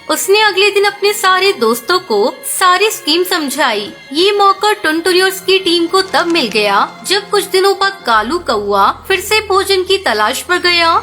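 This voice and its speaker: A woman narrating a children's cartoon story in a clear storytelling voice. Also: extremely high pitch, pushed and bright. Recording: narration over background music.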